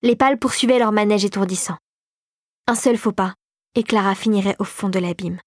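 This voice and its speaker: A woman narrating an adventure storybook in a dramatic, expressive way. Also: medium pitch, a little fast, dry recording, clean studio sound.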